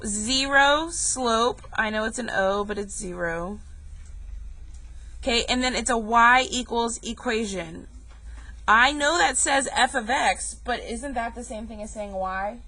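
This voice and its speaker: A woman's voice: fairly high pitch, measured pace, bright, forceful tone, rough recording. A young woman teaching a math class, chatty and joking, calling her students y'all. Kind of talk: recorded classroom lesson.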